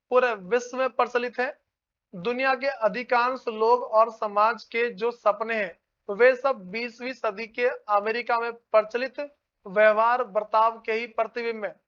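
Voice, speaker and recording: A male teacher gives an informal lecture with a very high-pitched voice. He talks to his students like friends and keeps checking that they follow. The recording sounds dull and lo-fi. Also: pushed and bright, clean tone. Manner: calls listeners "brother".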